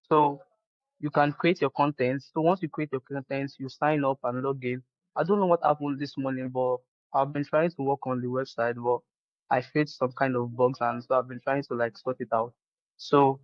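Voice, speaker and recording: A man's voice: medium pitch, fairly even intonation, moderate pace, no room sound. A man presenting a product demo over a video call. He explains step by step, often restarting with "so now.". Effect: heard over a video call. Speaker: startup presenter. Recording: dull, dry video call audio.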